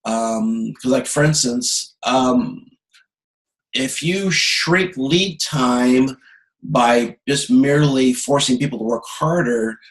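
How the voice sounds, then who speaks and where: Over a video conference, a male course instructor gives an informal lecture, explaining haltingly with many pauses and self-corrections. His voice is mid-range and the audio is poor.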